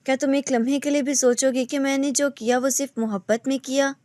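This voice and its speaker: A woman voicing a possessive young husband who speaks softly and pleads, in a storybook reading. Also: high voice, steady tone, no echo, clean studio sound, natural voice. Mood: pleading. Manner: soft, quietly pleading.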